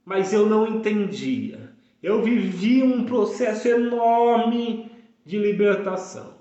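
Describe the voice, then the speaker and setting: A man's voice: sits high, slow, warm tone. A man in his thirties preaching a fervent sermon, repeating phrases for emphasis. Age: 30s. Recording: echoey room, dull lo-fi sound.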